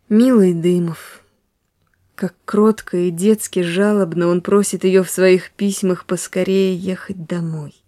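A woman reading a classic story in scripted narration, soft and measured, often sinking to a hush. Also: lowish voice, dry recording, studio quality. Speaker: reader.

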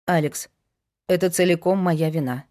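A frank young woman who says what she means, read by a woman narrator. Her voice is lowish and plain, close to the reader's own. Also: normal speed, dark tone, lightly acted. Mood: hesitant.

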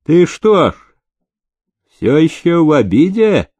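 A man's voice: medium pitch, sing-song, takes it slowly, dark tone, dry recording. A man voicing a domineering master who speaks with faint mockery and cold command. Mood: mocking. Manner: mocking, commanding. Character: sly domineering master, middle-aged man.

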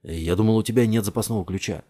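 A panicked young man, bewildered and blurting his lines in a low, husky voice, read by the male narrator. The reading sounds like the narrator's own voice lifted by fear. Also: quick pace, mellow, lightly acted. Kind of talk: audiobook character voice.

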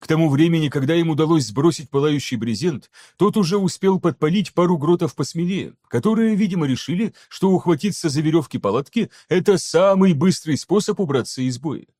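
A man narrating an action-packed fantasy audiobook with steady, even storytelling. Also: fairly high pitch, a little fast, hardly any pauses. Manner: steady, even storytelling that voices each character. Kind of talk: scripted narration.

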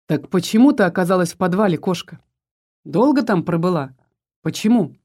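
A woman's voice: on the low side, lively intonation, brisk, a little mellow. Woman voicing a teasing young husband. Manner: teasing, persistent questioning.

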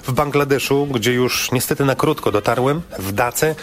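A man telling a scripted radio travel report in a lively, playful storytelling way. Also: medium pitch, moderate pace.

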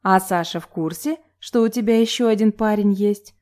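Woman voicing a calm, dry-witted young heroine. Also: medium pitch, normal speed, natural voice. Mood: calm sarcastic. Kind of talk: audiobook character reading.

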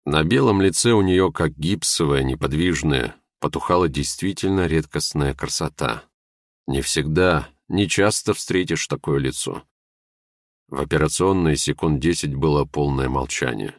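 A man narrating literary prose in a measured, expressive reading. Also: a bass voice, dry recording, studio quality. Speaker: audiobook narrator.

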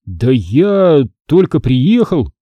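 A man's voice: a little high, big pitch swings, moderate pace, breathy edge, no echo, lo-fi sound, pitched above the performer's own voice. A man voicing a nervous teenage boy in an audiobook, anxious and protesting. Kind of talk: audiobook character voice.

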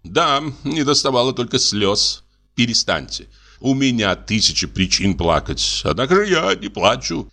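A man's voice: mid-range voice, big pitch swings, normal speed, vocal fry, pushed and bright, full character voice. A man voicing an irritable, weary male painter who talks curtly and impatiently in an audiobook. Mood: irritated. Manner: exasperated and curt.

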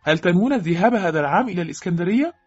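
A woman's voice: on the low side, animated, racing, a little mellow, breathy edge. A woman voicing a blunt, firm young man who is an army officer, in an audiobook. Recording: dull lo-fi with faint music.

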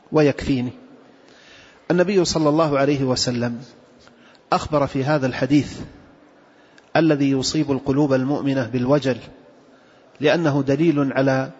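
A man teaching a religious lesson as a sheikh, explaining slowly and carefully, with a husky voice. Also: medium pitch, a little mellow. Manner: measured, drawn-out scholarly explanation. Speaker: sheikh teaching Islamic creed. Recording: dull lo-fi recording in a reverberant hall.

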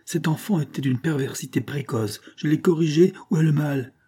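A man's voice: a little high, moderate pace, mellow, breathy edge, pitched above the performer's own voice. A man playing a harsh, scornful old spinster. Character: stout old spinster woman, harsh and furious.

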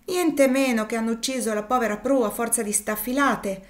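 A woman voicing an indignant, strict middle-aged spinster in a read-aloud novel, speaking loudly and with high outrage. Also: moderate pace, lightly acted.

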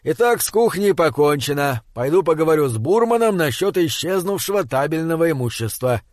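A man's voice: on the high side, sing-song, a little fast, no room sound, studio quality. A man reading a bossy, impatient spaceship captain. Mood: businesslike. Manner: impatient, shouting when pressed. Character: exasperated male spaceship captain, shrewd and bossy.

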